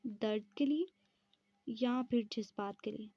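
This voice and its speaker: A woman's voice: on the high side, a little slow, no room sound, dull audio. A woman teaching an exam-prep lesson, explaining step by step and answering her own questions.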